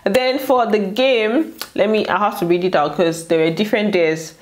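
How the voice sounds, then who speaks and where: A Nigerian woman hosts a YouTube recap of a reality show, chatty and colloquial with playful asides in a casual gossip style. Her voice is medium-pitched and her pace moderate.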